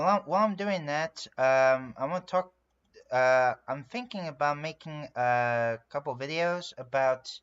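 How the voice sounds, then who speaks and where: A man's voice: mid-range voice, a bit bright, clean tone, highs cut off. French man chatting on a livestream. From France. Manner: rambling and self-narrating, many fillers. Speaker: streamer. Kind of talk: casual live-stream chat while drawing.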